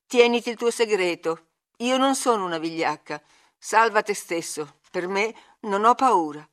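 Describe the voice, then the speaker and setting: A woman reading an audiobook, voicing an angry, proud young woman who speaks sharply and loudly. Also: mid-range voice, steady tone, moderate pace, close to an everyday voice. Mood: scornful. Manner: sharp, indignant, loud.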